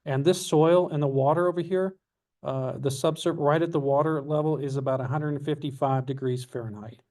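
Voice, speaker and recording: A man giving a lecture as guest speaker, telling anecdotes in an animated way with many fillers. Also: fairly high pitch, brisk. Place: lecture room. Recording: distant from the mic.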